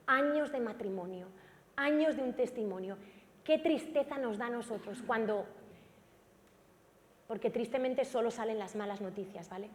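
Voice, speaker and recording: A woman pastor with a Peninsular Spanish accent preaching a sermon dramatically and emphatically, sometimes rising to shouts. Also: mid-range voice, in a large hall. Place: church sanctuary.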